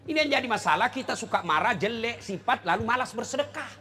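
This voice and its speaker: A man preaching a humorous sermon, acting out quoted dialogue with animated storytelling. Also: extremely high pitch, fast, slight background noise.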